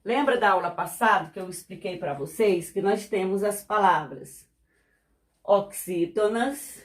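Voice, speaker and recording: A woman teaching a lesson at a slow, unhurried pace. She speaks patiently, repeats her examples and keeps checking that her listeners follow. Her pitch sits in the middle range for a woman. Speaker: Portuguese teacher. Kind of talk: classroom explanation.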